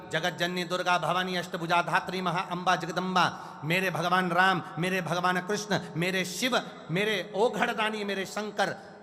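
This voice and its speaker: A man's voice: high-pitched, sharp tone. A man from Madhya Pradesh, India, delivering a devotional sermon at a large live gathering, with emotional, dramatic storytelling and repeated invocations. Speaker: preacher of religious discourse. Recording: reverberant hall with music.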